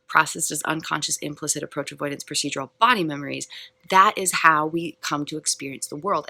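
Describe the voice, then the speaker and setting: A young woman vlogging a casual, enthusiastic self-help talk, playful and quick to laugh. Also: low voice, gravelly, pushed and bright, dry recording. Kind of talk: casual motivational monologue.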